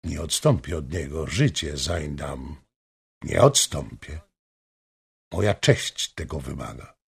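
A man reading the part of a brave, resolute woman, his voice sinking low and quiet as she speaks steadily. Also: expressive, slow pace, vocal fry, slightly rough, exaggerated voice. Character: brave resolute young woman, calm and firm.

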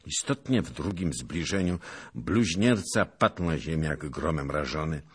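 A man reading a classic novel aloud in slow, expressive storytelling narration. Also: rumbling low, breathy edge. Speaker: audiobook reader.

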